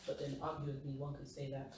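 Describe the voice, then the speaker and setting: Fast-talking young London man, very echoey room. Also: medium pitch, completely flat delivery. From East London, England. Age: young adult. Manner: rambling, discursive. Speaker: student speaker in a discussion. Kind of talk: casual spoken discussion. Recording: very echoey room, distant mic, noisy.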